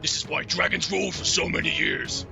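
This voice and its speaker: A man voicing an arrogant dragon in a tabletop game, with a booming, magically amplified voice that proclaims haughtily and scorns mortals. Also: steady tone, fairly quick, creaky, lo-fi sound, over music. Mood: haughty, booming. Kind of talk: tabletop role-play, in character.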